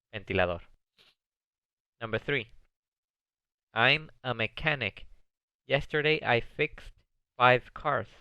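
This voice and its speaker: A man teaching an ESL video lesson, reading English example sentences slowly and explaining them in Spanish. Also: mid-range voice, bright, forceful tone, clean tone, no echo. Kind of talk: recorded video lesson on comparative adjectives. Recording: dull, dry lo-fi sound.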